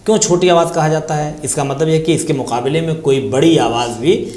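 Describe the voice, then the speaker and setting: A man's voice: a little high, fairly even intonation, a little mellow, reverberant. A man with an Indian Urdu accent teaching tajweed, patiently repeating key terms and asking and answering his own questions. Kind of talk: religious lesson explanation.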